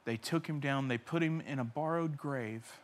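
A man pastor preaching a sermon with passion, swinging between loud cries and hushed near-whispers, repeating key phrases for emphasis. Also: mid-range voice, normal speed.

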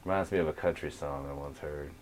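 A man's voice: a bass voice, steady tone, fast talker. A man co-hosting a podcast, chatting casually in a joking, crude, teasing way. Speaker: podcast co-host. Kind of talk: casual chat.

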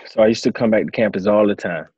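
A man in his thirties, a former quarterback turned coach, answering interview questions in a relaxed storytelling way. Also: lowish voice, fast talker, breathy edge, dry recording, highs cut off. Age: 30s. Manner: relaxed storytelling, acts out his own past thoughts.

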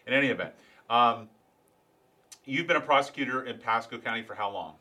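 A man's voice: medium pitch, lively intonation, brisk, bright, forceful tone. A man in his thirties hosting a podcast interview, chatty and rambling, often correcting himself. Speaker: podcast host. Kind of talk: casual interview chat.

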